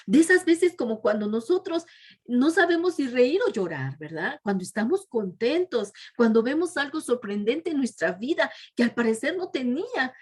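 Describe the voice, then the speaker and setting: A woman tells a Bible story to children in a fairly high, husky voice. Her pitch rises and falls a lot. She often tags her sentences with a soft question and at times slips into a whisper. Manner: keeps adding a soft "¿verdad?" tag; sometimes drops to a whisper.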